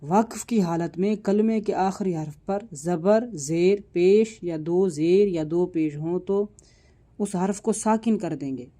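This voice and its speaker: Guy teaching quran recitation, super slow and patient, dark mellow voice, draws out the example words. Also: sits high. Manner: patient, explanatory, stretches out example words when reciting them. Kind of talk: online tajweed lesson.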